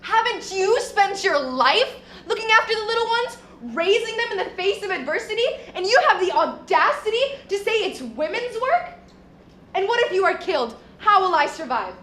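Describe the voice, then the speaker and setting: A woman's voice: extremely high pitch, expressive, normal speed. A student actress playing a fierce, protective old grandmother in a school stage play. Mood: scolding. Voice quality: scolding, sharp-tongued. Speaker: student actor. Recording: echoey hall, faint noise.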